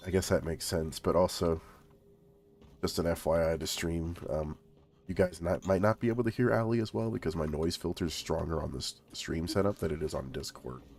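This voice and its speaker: A man's voice: deep voice, fairly quick, a little mellow. A man hosting a stream, chatting casually while gaming, laid-back and full of fillers. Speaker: stream host.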